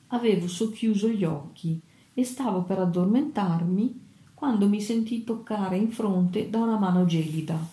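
A woman narrating an old adventure novel in a steady, measured audiobook reading. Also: medium pitch, reverberant.

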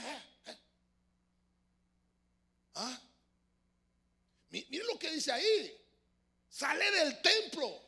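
A man preaching a fervent sermon in church, swinging from shouts to soft asides. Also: high-pitched, gravelly, husky. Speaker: pastor.

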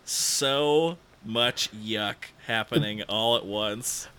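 A man co-hosting a casual chat, talking slowly and haltingly with lots of fillers as he reviews a TV episode. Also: on the low side, sharp tone, clear, resonant tone. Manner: slow, hesitant, many fillers. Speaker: podcast co-host.

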